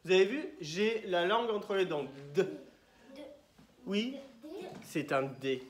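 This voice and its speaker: A woman teaching young children to read, patiently coaxing them and sounding out each syllable slowly. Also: lowish voice, lively intonation, far from the mic. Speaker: primary school teacher. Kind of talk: classroom lesson for young children. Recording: echoey room, faint noise.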